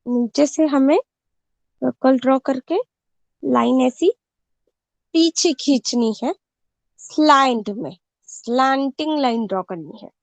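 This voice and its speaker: A woman teaching young children in an online class, stretching out each sound and word slowly. She repeats words clearly for the class to follow. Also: high-pitched, dry recording. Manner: slow, drawn-out pronunciation of sounds and words. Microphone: video call. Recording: dull lo-fi online call audio.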